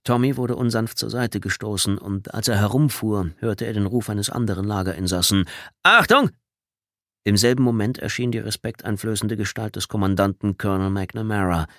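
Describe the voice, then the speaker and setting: A man reading a novel aloud as an audiobook, with measured, dramatic storytelling. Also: on the low side, steady tone, dry recording, studio quality. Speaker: audiobook reader. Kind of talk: scripted audiobook narration. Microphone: studio microphone.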